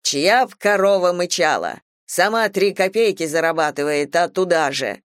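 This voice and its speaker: A woman's voice: lowish voice, normal speed, no echo, clean studio sound, close to an everyday voice. A woman reading a story and voicing a grumpy middle-aged husband who snaps curtly during family quarrels. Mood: scornful. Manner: gruff, curt, snapping.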